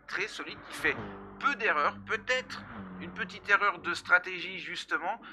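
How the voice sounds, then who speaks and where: A man doing live motorsport commentary on a sim race, with clear noise behind him. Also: on the high side. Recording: clearly noisy background.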